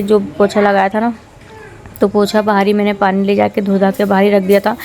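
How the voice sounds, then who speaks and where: A woman's voice: mid-range voice, darkish tone, a little hiss or hum. A young woman chatting casually through a home vlog in her small rented room, talking in a rambling, friendly way and mixing in English words, recorded on a phone camera. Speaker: vlogger.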